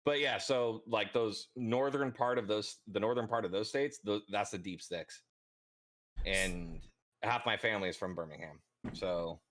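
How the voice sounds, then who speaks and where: Low-voiced man rambling in casual chat. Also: unhurried, fairly bright tone. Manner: laid-back, profane, rambling with many fillers.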